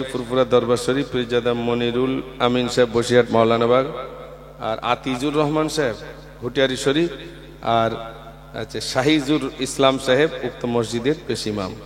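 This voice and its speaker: A man preaching a fiery sermon at a religious gathering, rising into sing-song chanting and calling out to the crowd. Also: mid-range voice. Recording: long reverb with faint mains hum.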